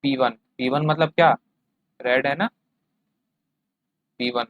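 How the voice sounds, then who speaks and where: A man's voice: mid-range voice, steady tone, slow, dry recording, muffled recording. A man teaching a chemistry class, explaining with everyday examples and often checking that students follow.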